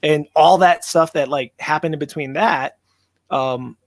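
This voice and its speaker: A man's voice: a little high, unhurried, no echo, clean studio sound. A man in casual livestream chat, telling stories with crude jokes and laughing often.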